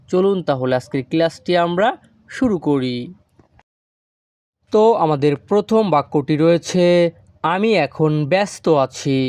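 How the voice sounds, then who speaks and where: Bangladeshi bengali guy teaching a language lesson, slow and careful, kinda high voice, dry close sound. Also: darkish tone, no echo. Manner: slow and deliberate, stresses each foreign word.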